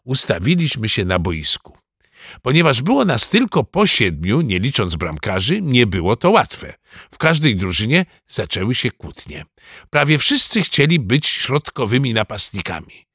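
A man reading a children's story aloud in a lively first-person boy narrator's manner. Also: mid-range voice, normal speed, husky, dry recording, studio quality. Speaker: audiobook narrator.

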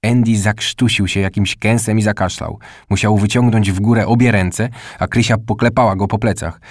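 A man reading a children's story aloud in calm, scripted narration. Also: on the low side, normal speed, no echo, studio quality. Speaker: audiobook narrator.

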